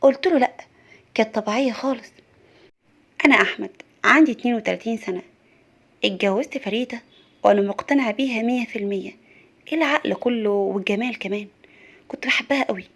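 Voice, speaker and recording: A woman's voice: on the high side, fast talker, gravelly, long pauses, slightly rough. Earnest young Egyptian husband telling a family story, narrated by a woman. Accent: Egyptian Arabic.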